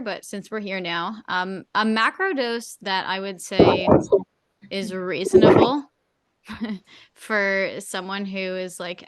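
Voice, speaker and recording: A woman's voice: mid-range voice, clear, resonant tone. A woman hosting a live video stream, explaining in a friendly way and reading viewer questions aloud. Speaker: host. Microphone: video call.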